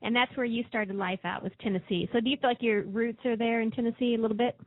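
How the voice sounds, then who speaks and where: Fast-talking radio host lady, friendly and chatty, kinda high, tinny dry sound. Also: fairly even intonation, dry recording. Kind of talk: radio interview.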